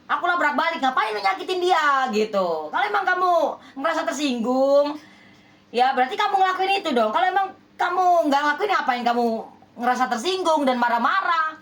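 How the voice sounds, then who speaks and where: A woman's voice: high voice, animated, fairly quick, fairly bright tone. A woman healer addressing her viewers in a relationship reading, emphatic and persuasive, with many rhetorical questions. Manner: scolding, persuasive. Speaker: spiritual healer giving love readings.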